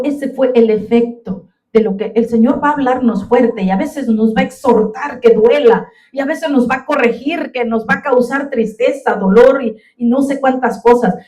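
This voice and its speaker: A woman's voice: a little high, dark tone, distant mic. A woman preaching a fervent sermon in a church, often calling out to her brothers and sisters in the congregation. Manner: fervent, addresses listeners as brothers. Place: church sanctuary. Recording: echoey room, voice from off the mic.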